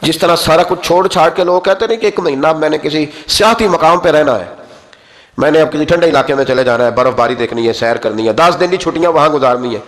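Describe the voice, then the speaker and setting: A man with a Pakistani Urdu accent giving a sermon, telling stories that climb to emotional peaks. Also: a little high. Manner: storytelling with rising emotional peaks. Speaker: preacher.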